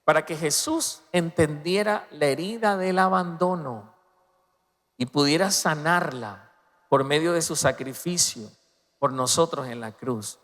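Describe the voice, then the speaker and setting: A man preaching a sermon as pastor, swinging between loud emphatic peaks and soft, low passages. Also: a little slow. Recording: long reverb of a large hall.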